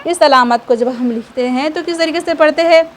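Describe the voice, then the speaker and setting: High-voiced woman teaching syllables slowly. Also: crowd noise. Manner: patient, repeats "theek hai", sounds out syllables slowly. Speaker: Quran reading teacher. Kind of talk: online reading lesson.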